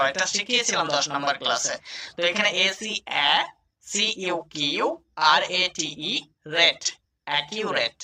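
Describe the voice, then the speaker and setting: Guy tutoring english reading, spells letters then says the word twice, super bright tone. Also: high voice. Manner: spells letters slowly, repeats each word. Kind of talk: spoken lesson, spelling out words.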